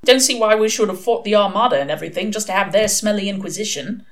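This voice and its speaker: A woman's voice: mid-range voice, fast talker, lightly acted. A woman voicing a grumbling schoolboy sidekick in a storybook, sounding put-upon and muttering.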